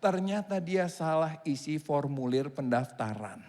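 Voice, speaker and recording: A man preaching from the pulpit, his slightly high voice swinging between hushed, intimate address and raised, animated storytelling. He speaks with an Indonesian accent. The sound carries a long reverb from a large church hall. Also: unhurried. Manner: animated preaching, voicing God and a complaining husband. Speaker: pastor. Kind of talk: sermon.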